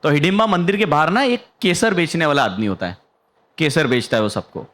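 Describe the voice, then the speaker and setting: A man's voice: fairly high pitch, animated, a little fast, a bit bright. A young man performing a stand-up comedy set on stage, telling a story and acting out the other people in it. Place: stage before a live audience.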